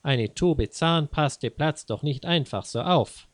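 An indignant, scolding wife, raised in pitch and quick to snap back, as a male narrator puts her on. Her exasperation carries through every line. The sound is dry and close. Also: animated, dry recording. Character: fussy indignant wife, middle-aged.

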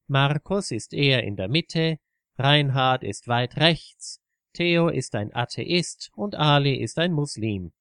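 A man narrates a scripted story in an even, steady reading voice. The recording is dry and close. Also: mid-range voice, takes it slowly, clear, resonant tone, dry recording.

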